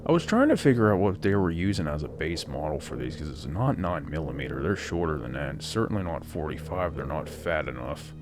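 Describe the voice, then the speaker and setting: A man's voice: extremely low pitch, very animated, brisk, hardly any pauses, noisy background. A man giving casual, crude, joking gameplay commentary that rambles as he plays. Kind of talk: casual let's-play commentary. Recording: game music loud behind the voice.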